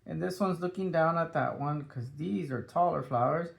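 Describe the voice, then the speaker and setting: A man with a high, light voice walks children through a drawing lesson one step at a time. He keeps things upbeat and sing-song, tossing in little whooshes and boops as he sketches. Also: normal speed, vocal fry. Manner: upbeat, sing-song, adds playful sound effects.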